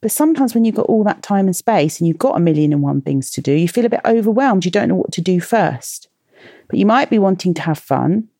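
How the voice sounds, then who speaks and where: Mellow-voiced British woman chatting to kids. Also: fairly low pitch, lively intonation, brisk, no echo, studio quality. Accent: British English. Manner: playful and chatty, asks listeners questions. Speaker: children's podcast host and author. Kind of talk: casual talk to children.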